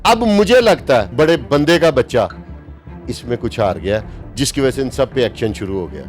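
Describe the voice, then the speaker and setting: A man's voice: medium pitch, big pitch swings, soft background music. Opinionated Pakistani man in his fifties. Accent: Pakistani Urdu. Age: 50s. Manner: emphatic, opinionated, slows down to stress points. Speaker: journalist guest. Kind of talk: interview talk.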